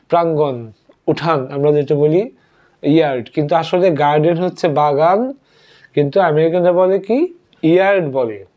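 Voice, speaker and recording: A man teaching an English vocabulary lesson, spelling words out letter by letter and repeating them slowly. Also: on the high side, a little mellow. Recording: dull lo-fi audio.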